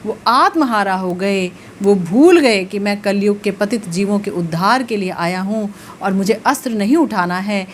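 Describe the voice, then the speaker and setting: A woman spiritual teacher giving a devotional discourse, telling a sacred story slowly and with rising emotional emphasis. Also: medium pitch, a little hiss or hum.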